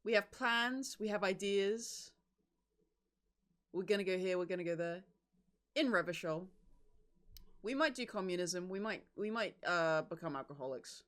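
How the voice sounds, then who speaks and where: A woman hosting a casual game stream, playful and quick to laugh. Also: mid-range voice, animated, a bit bright. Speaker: streamer host. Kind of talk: casual gameplay commentary.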